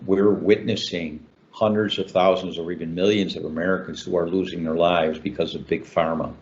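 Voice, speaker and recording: A man's voice: sits low, dull audio. An older man from Chicago, an author answering interview questions in a talkative way, with many fillers and restarts. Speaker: author guest.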